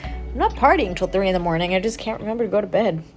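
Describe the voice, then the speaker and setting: A woman narrates her day in an informal vlog. Her voice sits at a middle pitch and she pokes fun at herself as she chats. Music plays clearly behind her. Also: expressive, quick pace, low-quality recording. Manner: informal, self-deprecating. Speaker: vlogger, freelance musician. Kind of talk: casual day-in-the-life vlog chat.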